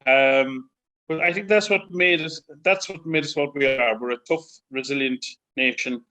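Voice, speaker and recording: A man with an Irish accent, from Ireland, talking in a relaxed, chatty way as a guest on a remote interview from his home. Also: medium pitch, normal speed, poor audio. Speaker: guest singer. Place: home in Florida.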